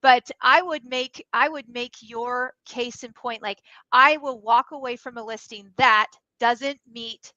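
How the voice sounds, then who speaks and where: This is a woman hosting a casual interview about real estate coaching. She is chatty and asks long run-on questions. Her voice sits a bit high with a bright edge. The sound is dull and lo-fi, with no room echo. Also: steady tone, unhurried, hardly any pauses.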